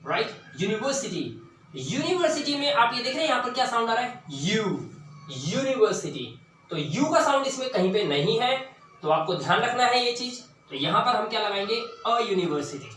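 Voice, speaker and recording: A man teaching an English grammar lesson, often asking questions and repeating words slowly for emphasis. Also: high-pitched, bright, forceful tone. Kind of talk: classroom-style lesson. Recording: echoey room, distant mic, faint hiss.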